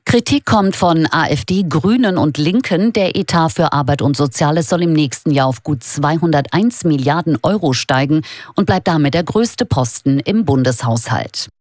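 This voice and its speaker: A woman's voice: low-pitched, moderate pace, a little mellow, no room sound, clean studio sound. A woman reading scripted radio news as a presenter.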